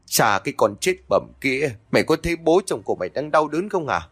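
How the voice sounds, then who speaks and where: A man voicing a frantic older village woman who wails for help and curses loudly. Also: a little high, very animated, a little fast, slightly rough, voice pushed up, heavily acted. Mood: furious. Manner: wailing, cursing.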